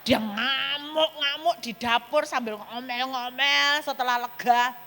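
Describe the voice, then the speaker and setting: A woman's voice: high voice, slow pace. A woman pastor, telling a personal story in a sermon to her congregation. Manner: storytelling, animated, addresses congregation directly. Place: church hall. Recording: long hall reverb, mains hum.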